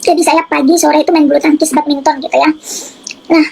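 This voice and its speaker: Woman, high and gravelly voice, fast and earnest personal testimony, halting with restarts. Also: little pitch movement, darkish tone, low-quality recording. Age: adult. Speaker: testimony giver.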